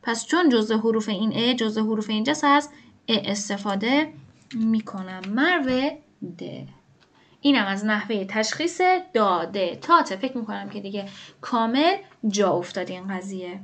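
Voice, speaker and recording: A woman's voice: medium pitch, lively intonation. A woman teaching grammar step by step, patiently asking questions and answering them herself. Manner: patient, explains rules aloud, poses and answers her own questions. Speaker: language teacher.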